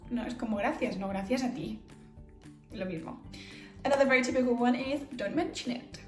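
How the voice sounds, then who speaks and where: A woman's voice: on the high side, moderate pace, reverberant, music in the background. A woman from England with an English accent, patiently explaining phrases in a bilingual language lesson. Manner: explains patiently, switching between English and Spanish. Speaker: English teacher.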